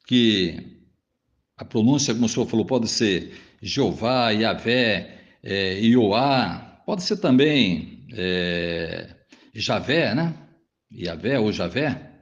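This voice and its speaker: In a recorded monologue, a man who is a Jehovah's Witness answers a pastor in a mid-range voice over dull, lo-fi audio. He addresses the listener formally, frequently tags "né?" onto his sentences, and reads scripture passages aloud.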